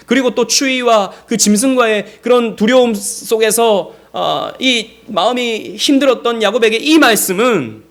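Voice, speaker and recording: A man preaching a Sunday sermon as pastor, telling stories with lively animation. He speaks directly to his congregation in a voice that sits a little high for a man. He acts out the speech of the people in his stories. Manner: animated storytelling, acting out quoted speech.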